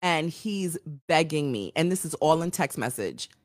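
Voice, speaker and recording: A woman's voice: low voice, very animated, normal speed, no room sound, studio quality. A woman co-hosting a podcast, telling a personal story in casual chat and acting out the quoted dialogue.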